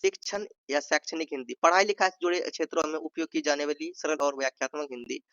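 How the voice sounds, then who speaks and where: Hindi tutor with a slightly high voice. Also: male voice, fast talker, fairly bright tone, clean tone, no echo, muffled recording. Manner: repeats points, says "ठीक है" often, acts out sample tones. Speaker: exam-prep teacher. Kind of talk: explanatory Hindi lesson.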